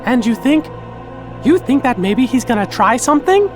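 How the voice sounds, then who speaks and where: A man voicing a small, plucky cartoon mouse hero in a squeaky falsetto for a video game cutscene. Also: very animated, normal speed. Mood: puzzled, concerned. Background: background music.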